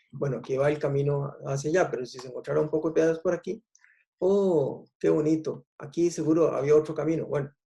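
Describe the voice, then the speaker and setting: A man with a Costa Rican Spanish accent giving a lecture at an easy, explanatory pace, often pausing on a drawn-out "eh". His voice is gravelly and dark, with a slightly raised pitch for a man. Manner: unhurried, explanatory, frequent "eh" pauses. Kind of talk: public talk on language history.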